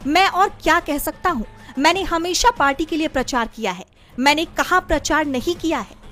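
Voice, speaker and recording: High-voiced woman narrating news over music. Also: a bit bright. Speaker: news reporter. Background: music bed.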